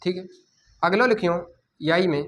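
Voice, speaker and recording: A man teaching a coaching class, dictating notes and repeating key words slowly so students can write them down. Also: high-pitched.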